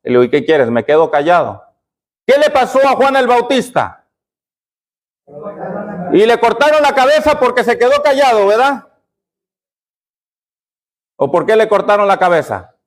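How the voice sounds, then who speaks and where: Preaching in a very high, sing-song voice, this pastor moves at a moderate pace with long pauses. Again and again he quizzes the congregation, then supplies the answers on his own.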